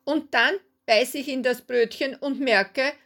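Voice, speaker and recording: A woman's voice: sits high, unhurried, a bit bright, pitched above the performer's own voice, exaggerated voice. A woman voicing an indignant, fussy middle-aged male customer in a read-aloud story. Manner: indignant, insistent.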